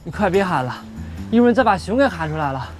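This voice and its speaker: A man's voice: high-pitched, very animated, quick pace, loud music behind the voice. An actor playing a timid male cameraman who grumbles and stammers. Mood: grumbling. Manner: nervous, grumbling.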